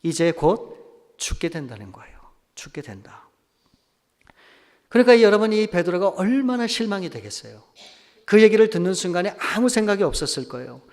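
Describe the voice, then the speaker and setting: A man's voice: sits high, sing-song, a little fast, a little mellow. A man preaching a sermon as pastor, emphatic and full of rhetorical questions to the congregation. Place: church sanctuary. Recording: long church hall reverb.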